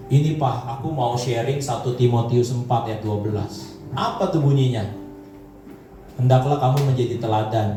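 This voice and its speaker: A man preaching a sermon as pastor, telling stories in a lively way and acting out the voices of the people he quotes. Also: mid-range voice, a little hiss or hum. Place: church hall. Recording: echoey church hall, mic from a distance, faint music.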